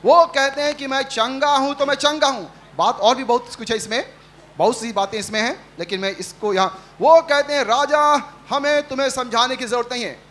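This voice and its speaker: A man's voice: very high-pitched, normal speed, fairly bright tone. A male pastor preaching a Sunday sermon, leading the congregation in call-and-response and acting out the quotes he tells. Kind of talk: Hindi sermon. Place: church service.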